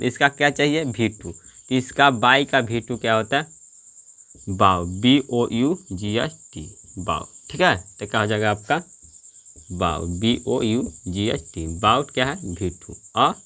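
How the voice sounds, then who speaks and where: A man's voice: medium pitch, expressive, pushed and bright. A man teaching English grammar to a class, repeating questions and answering them himself. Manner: slow, drawn-out delivery.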